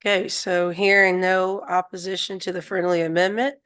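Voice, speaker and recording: Meeting chair, middle pitch, laughs a lot, keeps the vote moving. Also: flat delivery, moderate pace, fairly bright tone, clear, resonant tone. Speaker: board chair.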